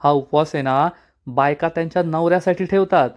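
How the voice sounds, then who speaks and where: A man's voice: a little high, a little fast, close to an everyday voice. A man doing a stern young villager. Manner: firm, lecturing.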